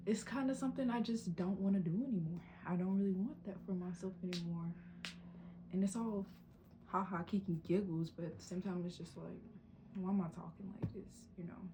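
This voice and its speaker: A woman's voice: lowish voice, background noise. A young woman giving a casual, encouraging pep talk in a vlog, with a runny nose. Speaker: vlogger.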